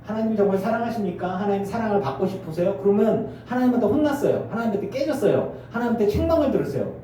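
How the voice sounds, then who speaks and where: A middle-aged male pastor preaching a sermon, animated and acting out family scenes in character voices. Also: sits high, very fast, slight background noise. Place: church sanctuary. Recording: echoey church from far off.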